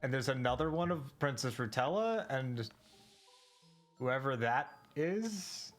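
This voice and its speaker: A man's voice: medium pitch, expressive, slow, faint music behind. A man chatting casually over a game, rambling and laughing often. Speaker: co-host. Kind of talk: casual let's-play chat.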